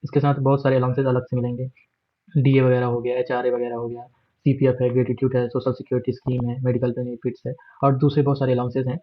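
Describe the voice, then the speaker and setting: A man with an Indian accent presents an exam guide, steadily walking through a job notification on screen, using fillers and mixing in English words. His mid-range voice is monotone and quick. The recording is dull and lo-fi.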